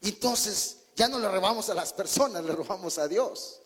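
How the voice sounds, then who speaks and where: A man preaches an emphatic, story-driven sermon. His voice sits very high and sounds husky. A long reverb from the church hall hangs behind every phrase. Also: animated, moderate pace.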